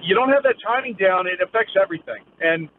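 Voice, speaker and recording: A man's voice: high-pitched, lively intonation, fast talker. A man giving a live, conversational news field report as a sports reporter, phrasing his analysis loosely over a remote phone link. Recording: phone-like narrowband line with faint noise.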